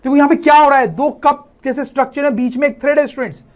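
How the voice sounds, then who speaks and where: A science teacher with a notably high voice for a man walks his class through a lesson. He speaks straight to the students again and again, throws out rhetorical questions and answers them himself. He slips English terms into his explanations as he goes. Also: rapid-fire. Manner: keeps addressing "students" and asks rhetorical questions.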